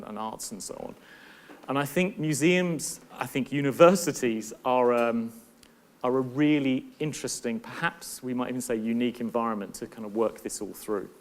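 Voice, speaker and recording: A middle-aged man presents to a conference audience. His voice sits at an ordinary pitch, and his delivery is earnest and thoughtful. He often repeats a word or restarts a phrase as he works out his point. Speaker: university professor and conference speaker.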